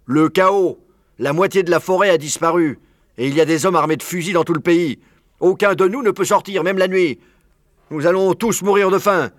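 A man voicing an excitable old male badger, raising his voice high and loud in agitation. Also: normal speed, no echo, clean studio sound, close to an everyday voice. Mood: agitated.

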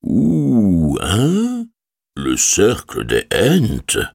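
An ancient male tree giant from a storybook reading, put on by a male narrator, speaking in a deep, booming voice that lurches between high and low notes. Every word is drawn out slowly and heavily. The sound is close and dry. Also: wildly swooping pitch, creaky, darkish tone, dry recording, exaggerated voice. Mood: ponderous. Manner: slow, drawn-out, ponderous speech. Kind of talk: audiobook character voice.

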